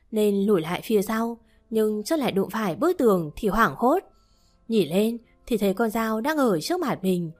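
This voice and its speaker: A woman reading a first-person romance story in an even, measured way. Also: mid-range voice. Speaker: narrator. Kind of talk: first-person audiobook narration.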